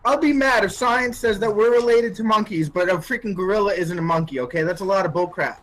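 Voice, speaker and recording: A man's voice: sits high, quick pace, fairly bright tone, rough recording. A man in his twenties co-hosting a casual podcast, blunt and ranting about what bugs him. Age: 20s. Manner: blunt, ranting, says "freaking". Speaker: podcast co-host. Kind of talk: casual chat. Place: home, on a call.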